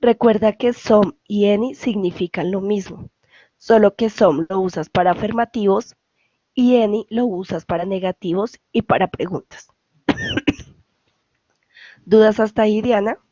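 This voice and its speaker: A woman's voice: mid-range voice, a little slow, warm tone, no echo, highs cut off. A woman with a Colombian Spanish accent, an English tutor patiently explaining grammar over a video call and often checking for questions. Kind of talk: online class explanation.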